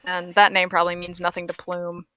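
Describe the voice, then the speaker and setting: A woman player in a tabletop role-playing game, chatting casually and animatedly about her character. She laughs easily and tosses in asides. Her voice is bright and dry, in dull, lo-fi stream audio. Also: lowish voice, completely flat delivery, fairly quick, dry recording.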